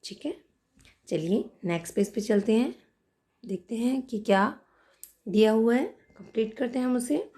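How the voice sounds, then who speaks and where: A woman teacher with an Indian accent, explaining an English lesson to young pupils and reading each English line out slowly before explaining it. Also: fairly high pitch, mellow. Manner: reads English lines very slowly, then explains.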